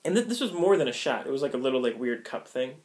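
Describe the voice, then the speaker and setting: A man's voice: mid-range voice, big pitch swings, quick pace, a little mellow. A young American man telling a story casually, rambling with many fillers and frequent laughs. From United States. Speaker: vlogger.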